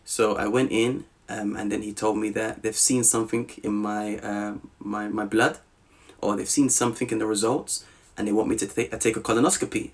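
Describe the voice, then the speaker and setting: A man from Southeast London, with a South London accent, tells a personal story as a podcast guest in a lively, casual way, often checking that the listener is still with him. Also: fairly low pitch, fairly quick. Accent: South London English. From Southeast London, England. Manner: animated, checks in often with "you with me?".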